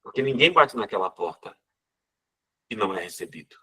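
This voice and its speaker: A man voicing a caring village woman, speaking low and urgently. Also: expressive, a little fast, pushed and bright, breathy edge, far from the mic, exaggerated voice.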